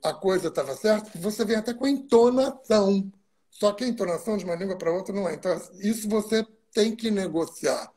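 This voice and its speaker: A man's voice: high-pitched, brisk, a little mellow. A man from Brazil, a guest stage actor in a video-call interview, recalls his work at length with asides and digressions. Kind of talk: reflective interview storytelling.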